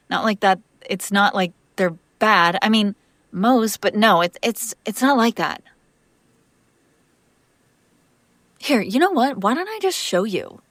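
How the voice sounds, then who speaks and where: Playing a tender, teasing, protective young vampire for an audio drama roleplay, this woman speaks casually and intimately with halting phrasing and occasional breathy whispers. Her medium-pitched voice is a bit bright, with no echo, as she comes across flustered and explaining.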